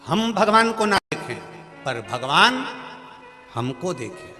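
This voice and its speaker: A male preacher tells devotional stories to a gathering and acts out each character's voice as he goes. His voice sits fairly high and sounds bright and forceful. It rings through a reverberant hall over faint music. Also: very animated, takes it slowly. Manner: storytelling, acting out quoted voices with wide pitch swings.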